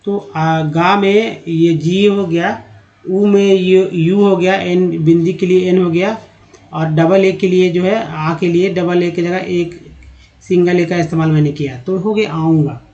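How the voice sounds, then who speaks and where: A man, teaching in a slow lesson and reading word lists aloud syllable by syllable. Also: sits high, fairly even intonation, darkish tone, dull audio. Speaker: English teacher.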